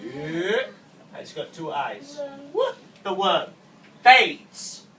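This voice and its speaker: A woman tutoring a child in phonics, patiently drilling the same sounds over and over. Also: fairly low pitch. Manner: slow, patient, repetitive drilling. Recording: echoey room, distant mic, steady background noise.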